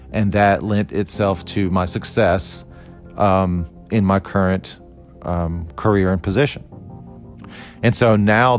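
A man in his forties talks through a philosophy lesson in a low, unhurried voice, thinking aloud with small restarts and fillers. A faint musical bed sits under the talk. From Costa Rica. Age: 40s. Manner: thoughtful, conversational, with fillers and restarts. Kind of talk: explanatory lecture on philosophy.

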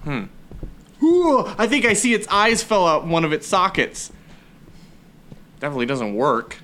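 A man's voice: high-pitched, sing-song, measured pace, pushed and bright, heavily acted. A young man playing an eager teenage boy who loves creepy things in a naturalistic drama. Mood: intrigued.

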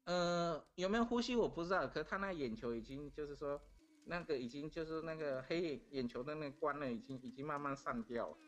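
A man's voice: on the high side, fairly quick. A middle-aged man from Taiwan. He is a podcast guest telling a story casually and earnestly, repeating phrases as he goes. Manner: earnest, repeats phrases while recounting events.

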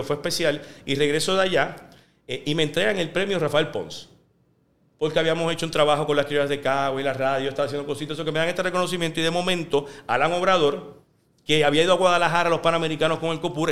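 Male guest, sports journalist from Puerto Rico; brisk, high-ish delivery, lively anecdotal chat. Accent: neutral Spanish. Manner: lively, rapid anecdote-telling. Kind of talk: casual interview storytelling.

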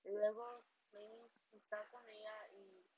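A woman's voice: medium pitch, measured pace. Hesitant woman retelling a story, lo-fi. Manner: hesitant, with fillers, restarts and English words mixed in. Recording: dull lo-fi recording with steady background noise.

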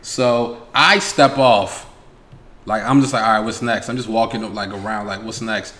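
A man's voice: on the low side, normal speed. A man from New York co-hosting a casual podcast chat, telling stories with lots of slang and swearing, and acting out what other people said. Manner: animated storyteller, acts out quotes, heavy slang and swearing. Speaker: podcast co-host.

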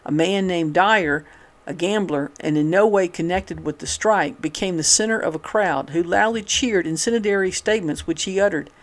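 A man reading an old newspaper article aloud in a steady, measured way, with occasional restarts. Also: high-pitched. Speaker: reader of a historical newspaper.

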